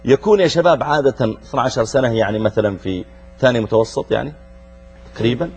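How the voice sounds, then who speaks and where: A middle-aged Saudi preacher hosts a youth show, speaking fast in a medium-pitched, darkish voice. He keeps things lively, addressing his young listeners directly and quizzing them. The recording is muffled, with faint music in the background.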